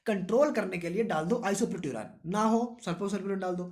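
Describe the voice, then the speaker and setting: A man's voice: sits high, a little slow, darkish tone. A male coaching teacher who talks in a chatty, repetitive way and keeps firing rhetorical questions back at his students. He drills lists and mnemonics over and over and calls his listeners brother. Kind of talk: exam coaching lesson.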